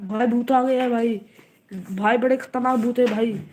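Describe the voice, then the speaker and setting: A woman narrating casually and excitedly, repeating urgent warnings over and over. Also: fairly high pitch, moderate pace, soft background music. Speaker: vlogger narrating. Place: outdoor home courtyard at night.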